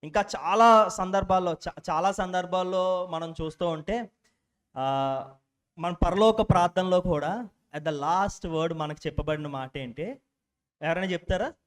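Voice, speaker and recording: A man's voice: high voice, a little slow. A young man speaking at a church, giving an informal sermon with frequent restarts and self-corrections, mixing in English words.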